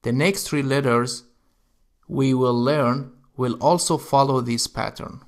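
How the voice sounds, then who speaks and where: Slow, gravelly male Arabic teacher. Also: mid-range voice, fairly even intonation. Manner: slow, step-by-step explaining. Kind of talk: instructional narration.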